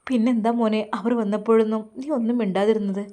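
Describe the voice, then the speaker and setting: A woman's voice: mid-range voice, steady tone, fast, mellow, natural voice. A woman voicing a grieving middle-aged mother who pleads tearfully with her son.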